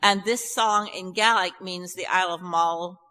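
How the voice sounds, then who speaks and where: Speaking to the audience before a song, a chatty Scottish festival singer uses a fairly low, pushed, bright voice with fairly even intonation and a measured pace. She is nervous and self-deprecating, laughing and restarting as she goes, in a live recording from a reverberant church hall.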